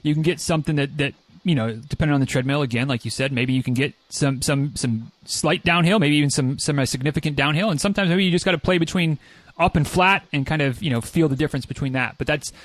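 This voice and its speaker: Higher-voiced man, rambling podcast host. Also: fast, dry recording. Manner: rambling, repeats words while forming questions. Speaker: podcast host, running coach. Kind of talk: casual interview conversation.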